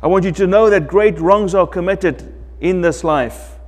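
A middle-aged man preaching a sermon as pastor from a lectern in a church sanctuary, slow and emphatic, rising loud and dropping soft. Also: high voice, big-room sound. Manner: slow, emphatic preaching with wide swings in loudness.

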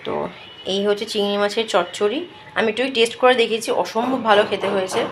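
A woman's voice: mid-range voice, steady tone, fairly quick. Woman vlogging with a cold. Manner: chatty, talks to viewers while showing around. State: congested with a cold, sore throat. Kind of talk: casual daily vlog chat. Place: home kitchen. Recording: roomy echo, faint background noise.

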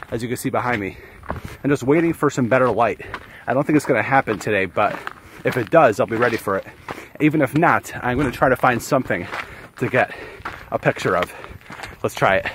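A man's voice: mid-range voice, background noise. A man in his thirties explaining his landscape photography as he hikes a desert mountain trail, filmed with a camera held at arm's length. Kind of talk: casual vlog narration while hiking.

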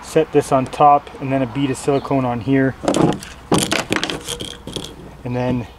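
Outdoors on a lawn, a DIY instructor casually explains a do-it-yourself job in a plain, loose way, full of fillers and self-corrections. His medium-pitched voice is level and fairly quick, and heavy background noise surrounds him.

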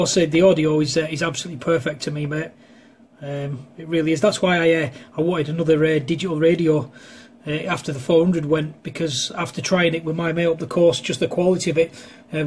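A man with a voice on the high side makes casual two-way radio talk on amateur radio from a home station indoors, wandering and hesitant in his delivery, with a faint hiss or hum in the audio.

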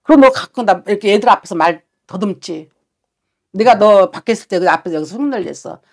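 Blunt shaman lady scolding a client, lively rising and falling voice, bit of fry. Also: mid-range voice, fast. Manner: blunt, scolding, uses coarse words. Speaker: shaman fortune teller. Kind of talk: fortune-telling consultation.

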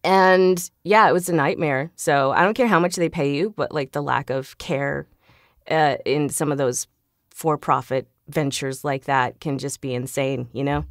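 Speaking with a low voice at a measured pace, a woman who works as a voice actor chats as a guest on a podcast, laughing readily throughout the relaxed interview. The studio sound is clean with no room sound.

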